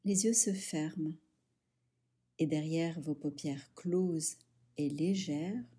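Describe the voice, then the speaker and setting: Guiding a meditation as a yoga nidra teacher, a woman speaks softly and breathily in a fairly low register. She is slow and calming, pausing at length between brief instructions.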